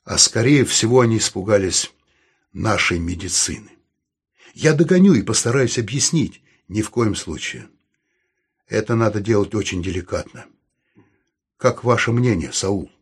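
A man reading an audiobook voices a careful, analytical man who speaks in a measured, tactful way, with a husky voice. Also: lowish voice, expressive. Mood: calm.

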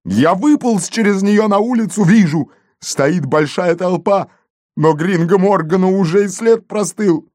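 A man voicing an excitable, wounded male gendarme who boasts and shouts in a storybook reading. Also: fairly high pitch, measured pace, no room sound, studio quality, pitched above the performer's own voice, close to an everyday voice. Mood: excited.

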